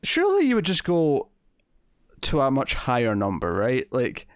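A man's voice: mid-range voice, wildly swooping pitch, moderate pace, dry recording, clean studio sound. A Scottish man co-hosting a review podcast in casual chat, full of fillers and restarts. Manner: chatty, many fillers and repeated starts. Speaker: podcast co-host reviewing an episode.

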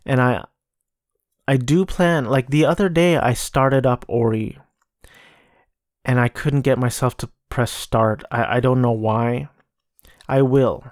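A man hosting a casual solo gaming podcast in a monotone, low-energy voice with vocal fry, hesitating and stammering over repeated words. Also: slow, pauses often, no echo, studio quality. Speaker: podcast host. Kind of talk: casual solo podcast talk about video games.

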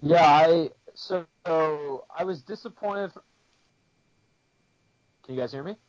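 A man's voice: a little high, takes it slowly. A man co-hosting a TV podcast in casual chat, rambling with many restarts. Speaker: podcast co-host. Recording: muffled lo-fi audio.

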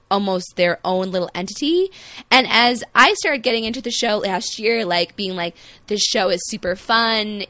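A bright-voiced woman co-hosts a casual podcast, talking through a TV episode in a chatty, animated way. The sound is close and dry, with no room echo. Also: mid-range voice. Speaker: podcast co-host. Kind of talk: casual chat.

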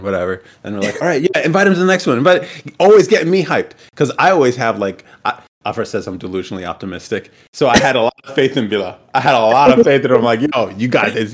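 A young American man hosting a casual group podcast, bantering in a slangy, swearing frat-bro way. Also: on the low side. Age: young adult. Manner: bro-heavy frat-boy slangy talk, swearing freely. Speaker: podcast host.

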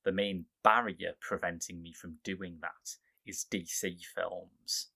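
Podcast co-host: wry man, measured, lowish voice. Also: fairly even intonation, gravelly, sharp tone, husky. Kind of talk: casual film review chat.

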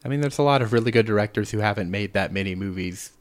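A man's voice: fairly low pitch, quick pace. A man hosting a casual movie podcast, laid-back, laughing often and cursing casually. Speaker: podcast host.

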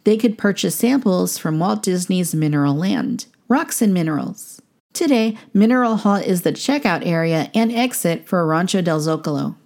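A woman narrates a scripted historical documentary. Her voice sits slightly low, and she reads in measured, complete phrases as a narrator. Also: expressive, vocal fry, a little mellow.

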